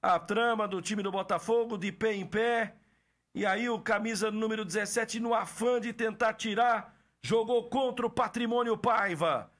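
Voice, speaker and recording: Brazilian male play-by-play caller, very high bright voice, explosive goal commentary with drawn-out shouts.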